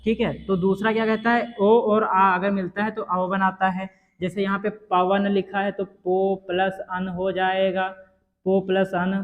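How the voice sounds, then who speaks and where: A man teaching a grammar lesson, sounding out words slowly and asking the viewer whether they understood. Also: sits high. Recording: dull lo-fi sound.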